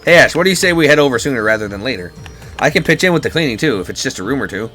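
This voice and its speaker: A man's voice: mid-range voice, lively intonation, rapid-fire, bright, forceful tone, faint music behind. A man reading the lines of an earnest young male instructor from a game, speaking carefully.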